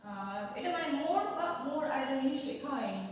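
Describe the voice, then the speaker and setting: A woman teaching an English grammar lesson, talking slowly and haltingly and repeating words as she writes. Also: sits high, animated. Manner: slow and halting, repeating words while writing. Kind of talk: classroom grammar lecture, writing as she talks. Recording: roomy distant mic with long echo.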